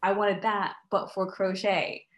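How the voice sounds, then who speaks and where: In a relaxed interview, a young American crochet designer talks as a podcast guest, chatty and friendly with many ums, restarts, and little laughs. Her mid-range voice is level and a little slow, recorded in an echoey room.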